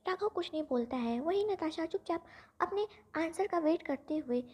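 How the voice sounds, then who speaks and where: Woman narrator, high pitch, mellow tone, steady scripted storytelling. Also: moderate pace.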